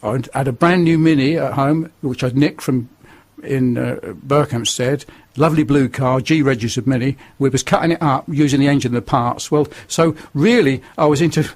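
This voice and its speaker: An older man with a northern English accent, telling his life story earnestly as a radio guest. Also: fairly high pitch. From northern England. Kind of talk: testimony in a radio interview.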